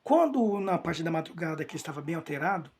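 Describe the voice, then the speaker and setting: A man with a husky, slightly breathy voice gives an emotional personal testimony. He speaks earnestly and repeats key phrases for emphasis. His sentences often break off and start again. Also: a little high, sing-song, brisk, a little mellow. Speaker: church member giving a testimony.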